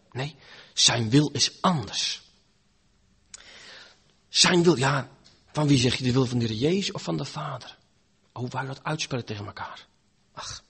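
A preaching man with a husky, fairly high voice that rises and falls widely. He moves between loud pleading and hushed, almost whispered lines. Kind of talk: sermon.

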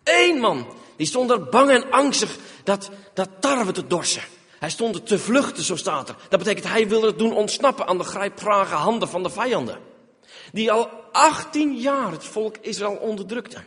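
A man's voice: high voice, lively intonation, moderate pace, a bit bright, big-room sound. A man preaching a sermon in a church, acting out the prayers and dialogue he quotes.

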